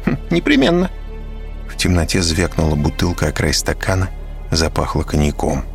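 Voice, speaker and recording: A man narrating an audiobook in an expressive storytelling manner. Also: very deep voice, fairly quick, soft background music. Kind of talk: scripted narration.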